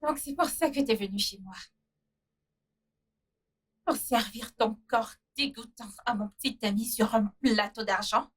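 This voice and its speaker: A woman's voice: on the high side, unhurried, long pauses, slightly rough, recorded from a distance. An actress playing a jealous, furious young girlfriend who hurls insults. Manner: shouting insults. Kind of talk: dubbed film drama.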